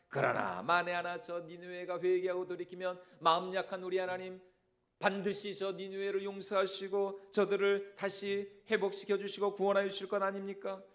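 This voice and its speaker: Male pastor doing a furious, complaining prophet in a sermon skit, high and loud. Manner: exasperated, protesting rhetorical questions. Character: indignant prophet man, angry, complaining to God.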